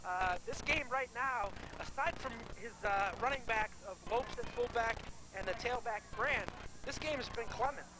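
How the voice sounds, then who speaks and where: Very high-voiced male football color commentator. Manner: halting, thinking aloud. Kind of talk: live sports analysis. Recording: noisy live outdoor game recording.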